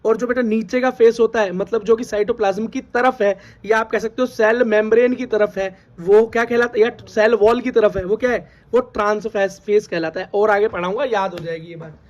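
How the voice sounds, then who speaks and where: A man's voice: high-pitched, steady tone, fairly quick, few pauses, dull audio. A man teaching biology in Hindi, who quizzes students by repeating key terms as questions and calls them "beta". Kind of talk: classroom lecture.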